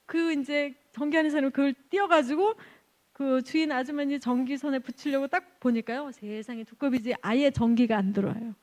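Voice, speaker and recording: A woman missionary giving an animated testimony at a church service, laughing often and acting out the people in her stories. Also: high-pitched, a little fast. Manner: animated, laughs often, acts out quoted exchanges. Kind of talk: lively storytelling testimony.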